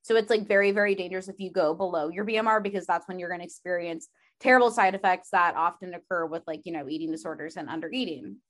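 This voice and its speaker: Young woman, bit hoarse from a sore throat, chatty podcast host, says like a lot. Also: fairly low pitch, fast. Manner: chatty, many "like" fillers. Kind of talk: casual chat.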